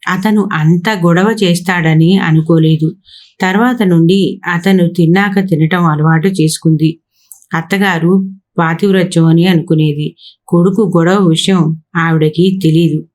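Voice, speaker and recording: A woman narrating a story with a slightly lower voice. Her telling is steady and even, reading each scene out in order. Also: a little slow.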